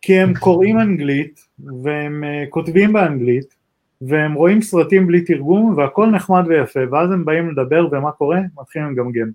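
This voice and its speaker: Podcast co-host: man, Israeli accent, fairly high voice, halting casual explanations with restarts. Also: a little mellow. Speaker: talk co-host, tech entrepreneur.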